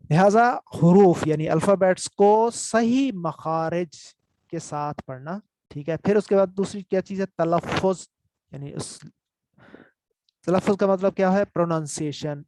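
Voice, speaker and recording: Man teaching in a gravelly voice. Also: on the high side, darkish tone, dry recording. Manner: explanatory, repeats terms and checks understanding often. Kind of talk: online lesson with screen notes.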